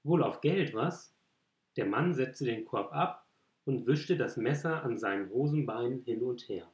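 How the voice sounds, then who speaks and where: A man reading a literary story aloud, calm and measured. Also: mid-range voice. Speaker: narrator. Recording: roomy echo.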